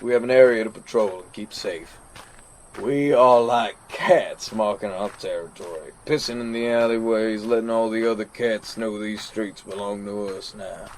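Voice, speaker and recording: An actor in a fiction audio drama performs a first-person dramatic monologue as a weathered, earnest American army veteran who was once a hot-tempered youth. He speaks in a plain, reflective, conversational way with halting pauses. His fairly low voice sounds close to everyday speech, with slight background noise.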